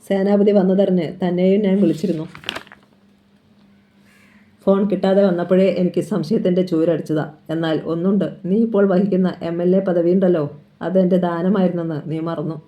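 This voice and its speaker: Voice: medium pitch, steady tone, brisk, dull audio, lightly acted. Channar, a menacing defiant strongman, put on by a narrator. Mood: scornful. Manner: menacing, taunting threats. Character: fierce defiant middle-aged male local strongman. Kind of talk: dramatic novel reading.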